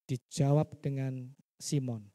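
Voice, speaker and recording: A man's voice: mid-range voice, steady tone, slow pace, mellow. A male pastor preaching a sermon in church. He teaches by asking his listeners questions and acting out the quoted dialogue.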